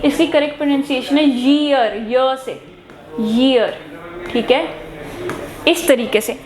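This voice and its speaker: A woman's voice: high voice, normal speed, faint music behind. A woman teaching an exam-prep grammar lesson, asking her students questions and answering them herself, switching between Hindi and English phrases. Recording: echoey room with faint noise.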